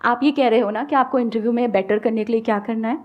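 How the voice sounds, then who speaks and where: A woman's voice: on the high side, quick pace, muffled recording. Frank Indian woman with a coaxing style. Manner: frank, coaxing, switches between Hindi and English. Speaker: guest speaker on English communication. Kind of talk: motivational talk to a live audience. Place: school hall with an audience.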